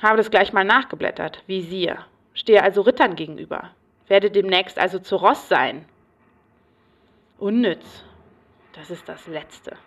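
A paranoid psych ward patient, rambly and obsessive, radio play, bit far from the mic. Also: female voice, mid-range voice, a little slow. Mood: rambling.

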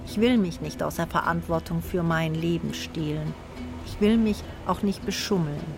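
A woman's voice: fairly low pitch, moderate pace, creaky. A woman narrating her own reflective feature in a thoughtful, introspective way. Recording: narration with music underneath.

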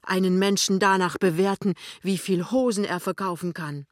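A man's voice: high voice, steady tone, normal speed, no room sound, lightly acted. A fierce, principled young wife speaks up, as a male reader puts her on, her voice lifted above his own. She talks firmly and with indignation. The recording is dry and close, with no room sound. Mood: indignant. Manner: indignant, firm. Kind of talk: audiobook dialogue reading.

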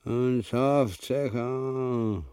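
A man's voice: medium pitch, fairly even intonation, very slow, mellow, smooth. An actor playing a pompous, cruel, cowardly buffoon king in a grotesque stage comedy, speaking coarse Austrian dialect. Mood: savage, commanding. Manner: pompous, bellowing and muttering, coarse. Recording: echoey hall with long reverb.

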